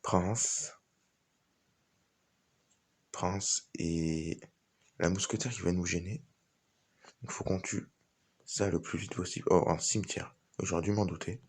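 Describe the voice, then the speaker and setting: A man's voice: sits low, takes it slowly, pauses often, husky. A man giving casual, informal live commentary on a game as he plays, thinking aloud. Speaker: gaming video host.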